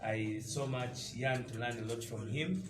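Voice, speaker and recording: Steady and unhurried, this mid-range male voice comes from well away from the microphone in a noisy, echoing room. The speaker, a Ugandan-accented deputy party spokesperson from the country's east, makes a combative, emphatic press conference statement marked by frequent hesitations.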